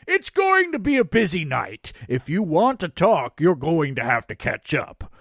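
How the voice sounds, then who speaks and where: A man acts out a jolly, fat old Santa from an audio story, booming and merry. He is teasing and theatrical, and his pitch rides high and swings widely. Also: wildly swooping pitch, measured pace, vocal fry, fairly bright tone, no echo, clean studio sound, full character voice. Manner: taunting, cryptic, theatrical.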